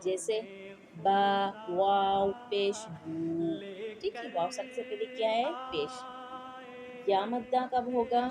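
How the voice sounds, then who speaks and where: Slow, patient woman teaching Quran reading. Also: on the high side, music in the background. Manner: patient, repeats points and keeps asking "ठीक है?". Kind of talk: slow explanatory lesson with spelled-out drills.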